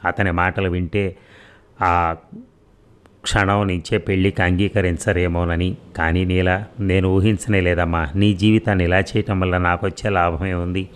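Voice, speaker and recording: A man voicing an elderly mother-in-law in an audio story, pleading slowly and earnestly. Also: deep voice, little pitch movement, clear, resonant tone, close to an everyday voice.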